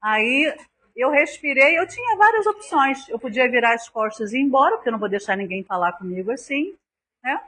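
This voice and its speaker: Brazilian woman lecturer, husky, fairly high voice, earnest spiritual talk. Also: animated, fairly quick, pushed and bright. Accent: Brazilian Portuguese. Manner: earnest, acts out anecdotes with quoted voices.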